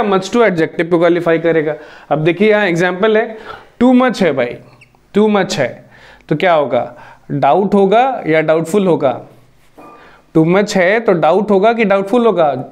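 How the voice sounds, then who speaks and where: A man teaching English grammar in Hindi, explaining step by step and asking the class questions before answering them himself. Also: high-pitched. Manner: reads English example sentences slowly, word by word. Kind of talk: Hindi-medium grammar lecture.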